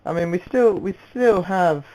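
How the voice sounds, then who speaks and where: A young man commentating on an amateur racing league, excitable and rambling, with many fillers and restarts. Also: high-pitched, measured pace, poor audio. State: out of breath. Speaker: race commentator.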